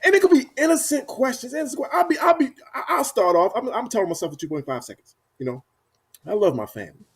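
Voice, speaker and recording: Laid-back husky male talk host. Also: very high-pitched, lively intonation, fast. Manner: laid-back, repeats "you know what I'm saying". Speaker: show host. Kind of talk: casual panel talk.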